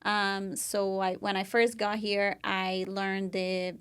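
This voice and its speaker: Her voice is medium-pitched, smooth, and a bit bright, moving little in pitch and going at a slow pace. She's a young Brazilian co-hosting a podcast, speaking with a Brazilian Portuguese accent as she earnestly and casually shares her story, full of "like" and "you know."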